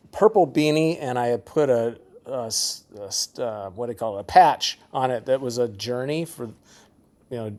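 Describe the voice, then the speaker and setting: A man's voice: medium pitch, darkish tone. A middle-aged man from the Seattle area, a guest musician in a casual interview, rambling through stories and laughing often.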